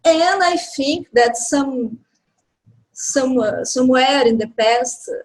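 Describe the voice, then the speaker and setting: Brazilian woman in her 40s on a video call, slow and halting, kinda high voice. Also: expressive, poor audio. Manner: slow, halting, with soft laughs. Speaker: caller, healing instructor.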